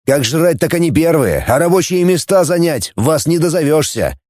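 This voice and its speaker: Man playing a gruff, blunt fleet commander. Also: on the high side, very animated, moderate pace, a little mellow, no echo, studio quality, pitched above the performer's own voice. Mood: commanding. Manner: barking orders, sarcastic. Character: gruff tough male space-fleet coordinator, blunt and mocking.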